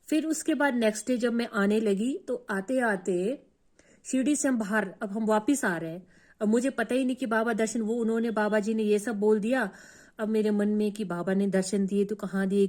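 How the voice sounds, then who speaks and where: A woman's voice: mid-range voice, fairly even intonation, normal speed, a little mellow. A woman telling her own devotional experience in an earnest, emotional way, often repeating herself. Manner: earnest, repetitive, emotional storytelling. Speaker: devotee sharing a personal experience. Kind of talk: emotional first-person testimony.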